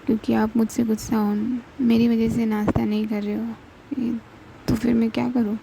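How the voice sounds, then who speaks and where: A woman voicing a tearful, gentle and caring young woman in a read-aloud love story, in a flat, gravelly voice. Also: on the high side, a little hiss or hum, low-quality recording. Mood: pleading.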